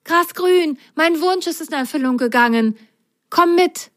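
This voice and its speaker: Rosenrot, a woman doing a squeaky girl sock. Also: unhurried. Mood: excited. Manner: high and eager. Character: excitable young girl sock, hesitant.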